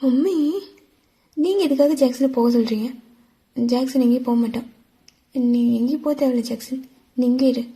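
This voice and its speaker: A woman's voice: sits high, moderate pace, long pauses, warm tone, slightly rough. A woman voicing a stubborn young man who defies his mother in a fan voice-over drama, defiant and pleading. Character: stubborn young man, city-loving son.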